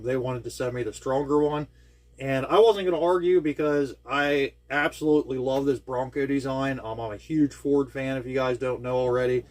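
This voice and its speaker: A man hosting his own hobby channel, walking through a build in a casual, enthusiastic way, rambling and full of ums and uhs, talking indoors at home. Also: mid-range voice. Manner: enthusiastic, rambling with many fillers. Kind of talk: casual product walkthrough. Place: indoors at home with air conditioning.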